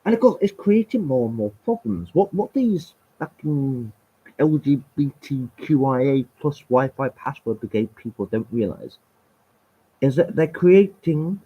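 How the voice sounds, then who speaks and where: Husky man ranting, lively pitch. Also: highs cut off. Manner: heated, emphatic, sweary. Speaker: live stream host. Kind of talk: ranting live stream monologue.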